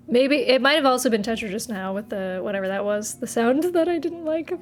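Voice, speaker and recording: Speaking on the high side, a young Massachusetts streamer casually chats with her live audience from her apartment, giggling and trailing off partway through sentences.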